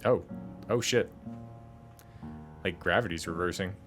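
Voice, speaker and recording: A man's voice: deep voice, a little slow, music in the background. Joking man rambling through a game. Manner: joking, rambling asides to viewers. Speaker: gaming streamer. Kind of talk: casual let's-play commentary.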